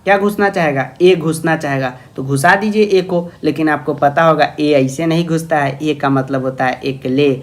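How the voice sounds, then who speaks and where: A man's voice: fairly high pitch, normal speed, hardly any pauses. A young man teaching grammar in an online lecture, affectionately calling students "babu" and asking their questions himself.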